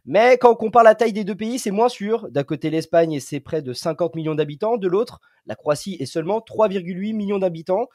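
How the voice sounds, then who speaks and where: A man's voice: high-pitched, expressive, a little fast, hardly any pauses, darkish tone, no echo, clean studio sound. A man with a French accent hosting a football podcast, leading the talk and handing over to his columnists. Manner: leads the talk, hands over to guests. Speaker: podcast host.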